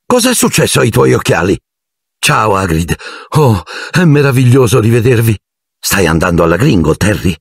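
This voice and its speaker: A man's voice: lowish voice, sing-song, moderate pace, vocal fry, breathy edge, dry recording, studio quality, voice pushed up, full character voice. A man voicing an eager young schoolgirl witch in a raised voice.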